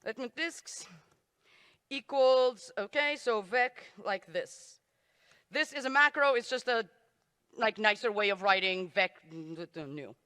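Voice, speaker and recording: A woman's voice: a little high, measured pace, bright, forceful tone, clean tone. A woman giving a live coding talk at a conference, joking at her own expense as she types. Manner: self-deprecating, joking asides while typing. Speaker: conference speaker. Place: conference stage in a large hall. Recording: reverberant hall.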